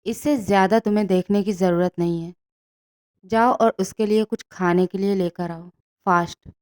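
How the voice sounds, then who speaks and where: A woman's voice: medium pitch, steady tone, moderate pace, a little mellow, close to an everyday voice. A woman voicing a cold, controlling young man who gives curt orders.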